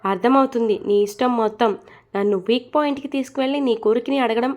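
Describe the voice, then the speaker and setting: A woman's voice: a little high, fast talker, darkish tone, natural voice. A woman voicing a short-tempered young husband in a storybook reading, curt and scolding. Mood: angry.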